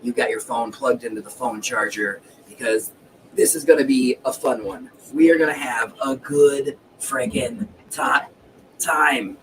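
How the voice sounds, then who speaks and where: Struggling with the hiccups, this livestream host speaks in a mid-range, fairly bright voice, a little slowly. He rambles casually, fixes his own words, and curses occasionally, picked up by a distant mic with faint background noise.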